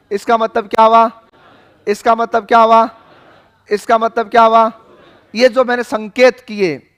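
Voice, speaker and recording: A male teacher lectures in a fairly high voice. He keeps questioning the class, repeating each question until someone answers. He teases the students with jokes along the way. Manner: joking, questioning.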